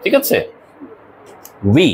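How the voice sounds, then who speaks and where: A man's voice: drawn-out words, darkish tone, low-quality recording. Male college English teacher, firm classroom lecturing, faint room noise. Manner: scolding and explaining, mixing English phrases into speech.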